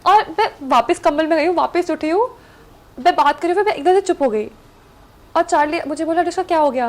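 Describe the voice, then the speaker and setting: A young woman talks as a guest on a chat show, telling her stories with lots of animation. Her voice sits high, and she slips English phrases into her speech and often laughs. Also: a little fast. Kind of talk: casual storytelling chat.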